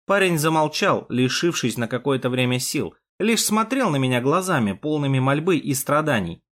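A man narrating a war story in the first person, expressive and dramatic. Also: fairly high pitch, normal speed. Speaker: audiobook narrator.

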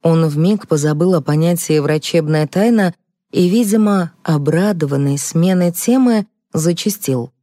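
A woman narrating a first-person detective audiobook in a steady, ironic manner. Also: on the low side, a little slow, few pauses, no room sound, studio quality.

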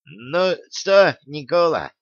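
Toothless old village craftsman, a man voicing him: lisp, rustic chatter, raised pitch, dry lo-fi. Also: expressive, slow pace, no room sound. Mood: hearty. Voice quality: lisping, toothless. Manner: folksy rustic speech. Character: toothless old male craftsman, cheerful and eager. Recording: dull dry recording.

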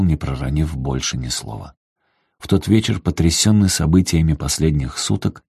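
Male narrator, deep husky voice, measured storytelling, dry studio. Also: dark tone, no echo. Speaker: audiobook narrator. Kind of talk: scripted narration.

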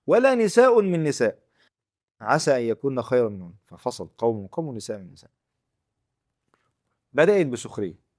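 A man with an Egyptian Arabic accent giving a Quran commentary lecture, emphatic and moving from loud stress to near-murmurs. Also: mid-range voice. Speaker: preacher.

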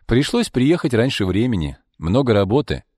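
A man's voice: mid-range voice, big pitch swings, moderate pace, darkish tone, slightly rough, dry recording, clean studio sound, in a large hall. A man voicing a cheerful, friendly young male lawyer. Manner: cheerful, easy greetings.

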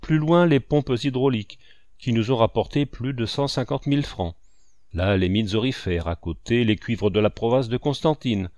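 A man's voice: medium pitch, moderate pace, a little mellow, no echo, lightly acted. A man voicing a cynical, greedy male swindler who talks in a brash, mocking way. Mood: scheming.

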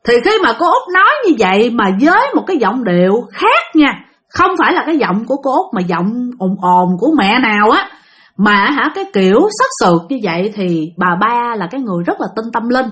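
A woman narrating a ghost story in a casual, chatty spoken style, turning often to address her listeners. Her voice sits somewhat high and moves in a lively way across its range. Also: fairly quick. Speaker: storyteller of a channel.

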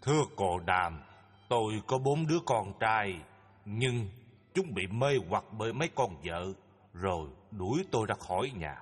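A humble old Brahmin father pleads in a husky, lowish voice that rises and falls with feeling. The audio drama sounds like it was recorded in a long-echoing hall. Soft music plays behind. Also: lively intonation, moderate pace. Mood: pleading. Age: older.

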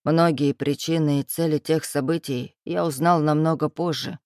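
A woman reading an audiobook voices a curt, self-assured man in power, speaking low, clipped and matter-of-fact. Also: steady tone, moderate pace, darkish tone, dry recording, studio quality, lightly acted. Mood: calm, firm.

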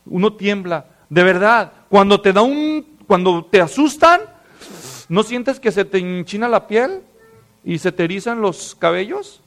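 A man preaching a sermon, telling stories with lively acted voices and dropping to hushed, serious tones. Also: high-pitched, measured pace, faint music behind. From Mexico. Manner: animated storytelling, acts out voices, drops to hushed tones. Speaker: pastor.

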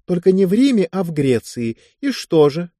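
This is a self-assured woman medic of about thirty, gently mocking and calm, as a male reader puts her on. Her voice sits a little higher than the narration. The sound is dry and close. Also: moderate pace, no echo. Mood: amused. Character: teasing woman army medic around thirty.

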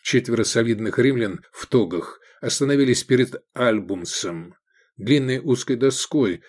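A man narrating an audiobook in a measured, expressive reading style. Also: mid-range voice. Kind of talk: scripted narration.

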